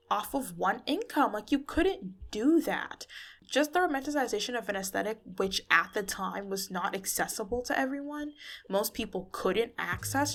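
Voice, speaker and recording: A woman's voice: mid-range voice, fairly bright tone. A tired woman vlogging in a rambling, casual way, her voice muffled because she is recording under a blanket. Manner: rambling, with many fillers and restarts. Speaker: YouTuber. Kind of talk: casual talking-head vlog.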